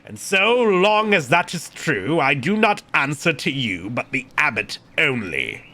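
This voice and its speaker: A man voicing a stern, guarded monk who heads a scriptorium, speaking low, clipped and haughty, just above a murmur. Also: big pitch swings, a little slow, sharp tone, full character voice. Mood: haughty, hushed. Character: stern aging male monk, a cold guarded prior.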